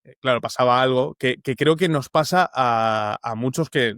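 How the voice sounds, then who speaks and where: Interview guest: young Uruguayan-born man with a Spanish accent, mid pitch, thoughtful, hesitant, dry sound. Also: normal speed, a bit bright, no echo. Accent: Spanish, Valencia area. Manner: thoughtful, many fillers and restarts. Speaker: journalist guest. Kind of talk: casual interview conversation.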